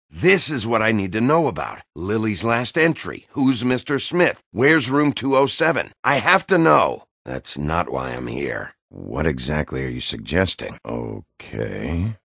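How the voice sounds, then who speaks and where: An actor voices a gruff, weary, hard-boiled wolf detective in a video game, using a rumbling low, gravelly, husky male voice with a fairly bright tone. His questioning is blunt, dry and brooding, heavily acted, and here sounds demanding and urgent. There's no echo.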